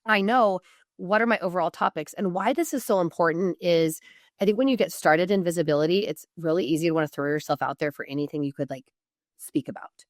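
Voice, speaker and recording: Speaking fast in a lowish register, an Oregon woman guesting on a podcast walks through business advice conversationally, breaking into her own sentences and adding emphatic side remarks. It's a studio recording without echo.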